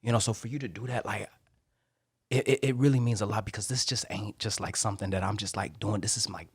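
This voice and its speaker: Sitting in person with the host in a podcast studio, a man opens up as a guest in a casual interview, earnest, heartfelt and full of emotion. He talks fast in a fairly low voice with a breathy edge and fairly even intonation, recorded on a studio microphone with no echo.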